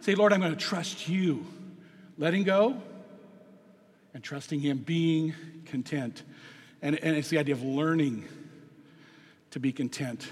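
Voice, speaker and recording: A man preaching a sermon as pastor, swinging from quiet asides to loud, emphatic peaks. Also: fairly high pitch, unhurried, pauses often, husky, in a large hall.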